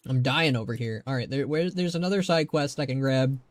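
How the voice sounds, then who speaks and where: A man's voice: mid-range voice, brisk, no room sound. A man doing casual live game commentary, rambling conversationally as he thinks aloud. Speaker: live streamer.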